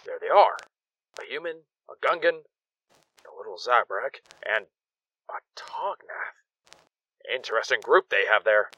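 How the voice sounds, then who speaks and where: A man's voice: on the low side, sing-song, a little slow, long pauses, sharp tone, dry recording, exaggerated voice, rough recording. A man playing a gallant, confident alien superhero captain with a declamatory delivery, in an audio drama. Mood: watchful, eager. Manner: declamatory, heroic.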